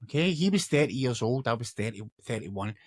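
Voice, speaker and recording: A man's voice: mid-range voice, lively intonation, a little fast, a little mellow, dry recording, studio quality. A Scottish man in his forties giving an earnest motivational talk, restarting his words often and growing emotional at times. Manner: becomes emotional when recalling loss. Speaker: motivational speaker. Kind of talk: motivational monologue.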